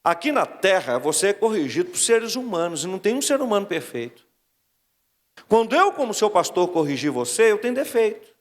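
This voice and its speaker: A Brazilian man, a pastor giving a lively wedding sermon, exhorting the couple and the congregation and mimicking whiny voices. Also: high voice, fairly quick. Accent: Brazilian Portuguese. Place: large church hall. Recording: long reverb of a church hall.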